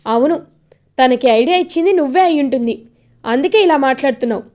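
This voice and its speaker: A woman's voice: high voice, animated, quick pace, darkish tone. A woman voicing an angry young father who scolds his family for upsetting his daughter, in a stern retelling of a TV serial.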